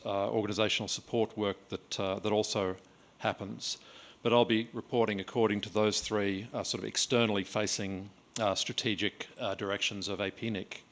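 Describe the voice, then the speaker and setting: A middle-aged man presenting a report at a conference lectern, steady and matter-of-fact. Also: lowish voice. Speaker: organisation head giving a report. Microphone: lectern microphone.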